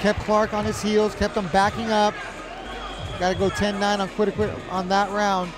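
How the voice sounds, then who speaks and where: A man's voice: high-pitched, flat delivery, normal speed. A man giving conversational, emphatic color commentary on an MMA fight, often repeating himself. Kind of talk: live MMA analysis, conversational. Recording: crowd and music behind.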